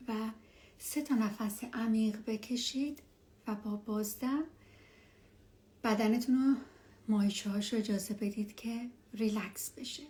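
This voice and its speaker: Soft-spoken woman guiding a relaxation meditation. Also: on the high side. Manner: unhurried, with long pauses between phrases. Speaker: meditation guide. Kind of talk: guided relaxation meditation, instructing listeners directly.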